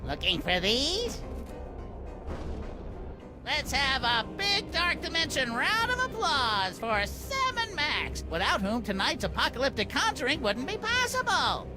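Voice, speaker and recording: An actor voicing an evil ventriloquist dummy in a squeaky puppet voice, a grandiose, mock-jolly game villain drawing out words like a showman. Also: huge pitch swings, measured pace, over music, full character voice. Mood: taunting showman. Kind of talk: theatrical video game villain acting.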